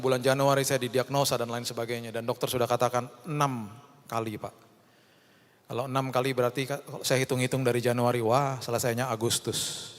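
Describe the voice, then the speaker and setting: A middle-aged man preaching an evening devotional sermon, animated, voicing the people he quotes. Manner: animated, acts out quoted voices with sudden high jumps. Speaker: pastor. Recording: long reverb in a hall.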